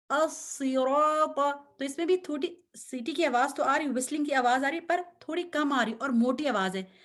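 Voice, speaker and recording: A woman's voice: sits high, fairly bright tone. A woman teaching Quran recitation, patiently correcting students and drawing out each sound as she models it. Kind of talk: online recitation lesson.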